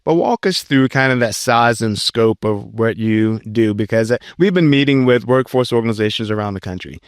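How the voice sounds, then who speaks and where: A man from southern Virginia hosting a podcast interview, asking long, winding questions at a measured pace. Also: mid-range voice, clear, resonant tone, no echo, clean studio sound. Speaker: podcast host. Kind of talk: conversational interview. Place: studio in Washington, DC.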